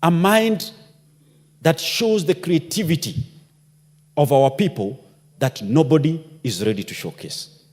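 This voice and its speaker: A member of parliament delivers a fiery speech in the chamber, hurling rhetorical questions. His voice sits a little high with a darkish tone, animated yet a little slow, broken by long pauses. The large hall gives the recording a long reverb.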